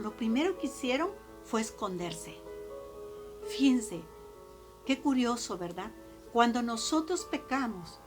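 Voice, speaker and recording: Slow, emphatic Mexican woman preacher. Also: a little high. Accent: Mexican Spanish. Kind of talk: sermon.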